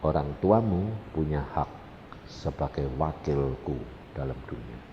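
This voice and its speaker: A man doing a hushed, fatherly God. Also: expressive, highs cut off. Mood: patient. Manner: slow, hushed, low. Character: gentle, softly speaking God, calm and fatherly. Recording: echoey hall, faint rumble.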